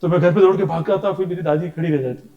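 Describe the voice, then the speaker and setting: A man's voice: high voice, quick pace, dull audio. A male science teacher giving a classroom lecture, chatty and teasing, breaking into stories and imitations of his family. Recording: echoey classroom.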